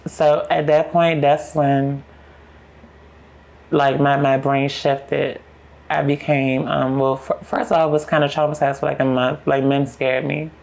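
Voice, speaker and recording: Gravelly young woman telling her story frankly. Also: very deep voice, little pitch movement, a little slow, a little mellow. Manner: frank, run-on retelling with acted-out quotes. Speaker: podcast guest. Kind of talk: candid personal storytelling.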